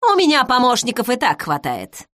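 Woman doing a gruff old village widow. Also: fairly high pitch, wildly swooping pitch, normal speed, a bit bright, dry recording, studio quality, voice pushed up. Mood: curt, mocking. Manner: blunt, mocking, curt. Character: gruff elderly village widow, sharp-tongued, wary.

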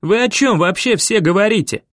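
A man voicing a hot-tempered teenage boy who shouts and pleads in desperation. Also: extremely high pitch, very animated, a little fast, no room sound, studio quality, voice pushed up, full character voice. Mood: indignant.

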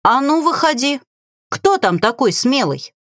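A brash young witch yells and fights back, jumpy and defiant, as a woman puts her on. Her pitch swings widely. The recording is dry and close, like an audiobook booth. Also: sing-song, unhurried, breathy edge, dry recording, exaggerated voice. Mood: wary. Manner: yelling, defiant.

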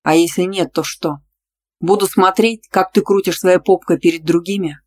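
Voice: mid-range voice, fairly even intonation, moderate pace, natural voice. A reader doing a brash, possessive young teacher. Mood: angry. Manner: blunt, demanding, teasing. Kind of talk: audiobook dialogue reading.

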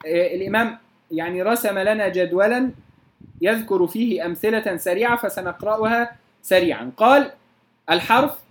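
A man teaching tajweed, explaining the rules and slowly reciting examples to show them, then checking that his students follow. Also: sits high, fairly bright tone. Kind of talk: tajweed lesson.

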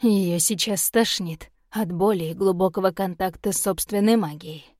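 A woman's voice: mid-range voice, fairly even intonation, moderate pace, darkish tone, no room sound, studio quality, lightly acted. A woman reading an audiobook, voicing a curt, commanding male fae prince of fire.

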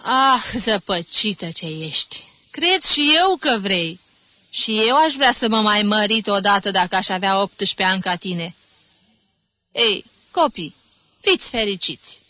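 A woman's voice: medium pitch, expressive, bright, forceful tone, dry recording. Woman voicing an effusive old society lady. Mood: gushing. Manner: gushing, theatrical, exclamatory.

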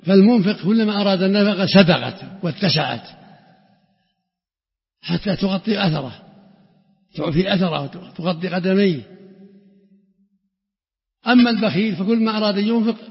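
Gravelly, husky man teaching religion. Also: sits high, expressive, normal speed, long pauses. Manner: emphatic, repeats and restarts words. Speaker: scholar explaining hadith. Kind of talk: religious lesson commentary. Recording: dull lo-fi recording in a reverberant hall.

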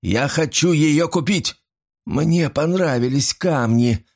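A man voicing a nervous old male pawnbroker who pleads breathlessly, rising into shrill panic. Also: animated, measured pace, darkish tone, slightly rough. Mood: pleading.

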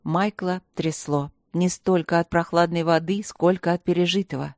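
A woman narrating a fantasy story in a steady, measured way. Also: fairly low pitch, no echo, studio quality. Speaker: audiobook narrator.

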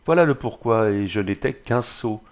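Man doing a drunk bitter husband, low voice, sneering, storybook reading. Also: animated, moderate pace, darkish tone. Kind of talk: audiobook character reading.

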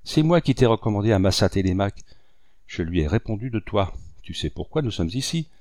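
A man's voice: fairly low pitch, very animated, brisk, darkish tone, dry recording, clean studio sound. A man reading an audiobook, voicing a stern, bossy male comrade who scolds curtly. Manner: scolding, curt.

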